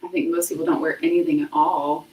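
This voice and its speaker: This woman in her thirties, from the United States, talks fast in a low, darkish, flat voice while livestreaming from her home kitchen. Chatty and self-deprecating, she occasionally whispers to check her mic. The phone and clip-on mic setup picks up a little hiss or hum.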